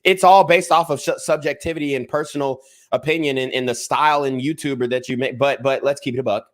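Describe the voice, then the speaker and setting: A man's voice: mid-range voice, fairly even intonation, quick pace. A young man giving a heated commentary rant on a livestream, repeating himself and restarting as he gets worked up. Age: young adult. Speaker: YouTube commentator.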